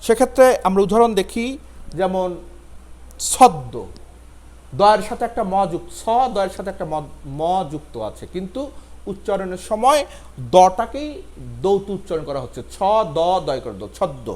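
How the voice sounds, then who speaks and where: A man, giving a pronunciation lesson and slowly spelling out each word with emphasis. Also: high-pitched, expressive, a little mellow. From Bangladesh. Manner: slow, emphatic spelling-out of words. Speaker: teacher.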